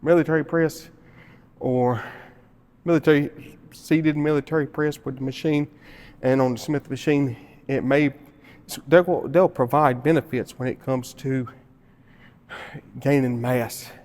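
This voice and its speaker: A man's voice: mid-range voice, steady tone, measured pace, a little mellow. A man explaining a lifting workout at the gym, short of breath from a cold, repeating his points and grunting through heavy sets. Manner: explains with repetition, grunting effort between sets. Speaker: fitness vlogger.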